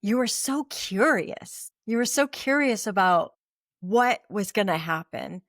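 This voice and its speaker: A woman's voice: medium pitch, expressive, a little slow, a bit bright, dry recording. Woman, podcast host, affirming, reflective questions, dry close sound. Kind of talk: conversational interview.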